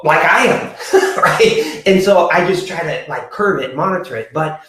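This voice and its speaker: A man's voice: on the high side, expressive, a little slow, a bit bright. A man in his forties hosting a motivational podcast, talking earnestly to viewers, with many fillers and restarts. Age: 40s. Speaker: podcast host. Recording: very echoey room.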